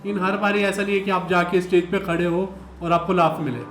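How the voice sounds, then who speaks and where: A man who is a stand-up comedian, explaining things in a relaxed, matter-of-fact way in a casual podcast chat. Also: high voice, brisk. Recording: echoey room.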